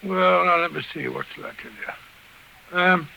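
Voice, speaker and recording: An actor playing a blustery, fussy British gentleman doctor and loyal companion in a 1940s radio drama, given to stammering. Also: high-pitched, moderate pace, gravelly, exaggerated voice. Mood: genial storytelling. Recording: noisy old 1940s radio recording.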